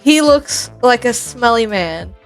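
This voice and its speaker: A woman's voice: fairly high pitch, lively intonation, slow pace, soft background music. Teasing, foul-mouthed young woman co-host. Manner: teasing, blunt, swears freely. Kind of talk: casual podcast chat.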